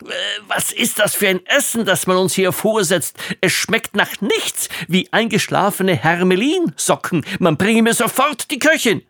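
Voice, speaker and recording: A blustering old fairy-tale king with a hot temper, put on by a male storyteller. He shouts his complaints in a voice pushed well above the storyteller's own. The recording is dry and close. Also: high voice, huge pitch swings, slow pace, creaky, slightly rough, dry recording, voice pushed up, exaggerated voice. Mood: indignant.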